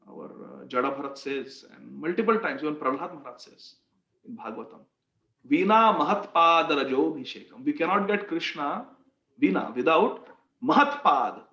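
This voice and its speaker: A high-pitched male spiritual teacher leads a devotional session over a group call. He explains phrase by phrase with deliberate emphasis. The sound is muffled and the room echoes around him. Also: fairly bright tone. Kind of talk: devotional discourse with question and answer.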